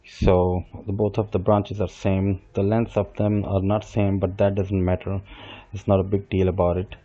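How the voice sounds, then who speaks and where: Speaking at normal speed with little pitch movement, a middle-aged software instructor narrates a screen-captured tutorial from his computer desk in a low, soft tone. He patiently explains each step while working, restarting and correcting himself a little, through a muffled, dull, lo-fi desk mic.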